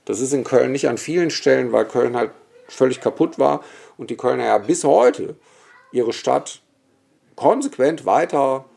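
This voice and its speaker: Speaking a little slowly with vocal fry, this guest's mid-range voice is animated and a little mellow. He's a historian and cemetery expert from near Bergisch Gladbach, Germany, relaxedly telling vivid, opinionated stories full of asides.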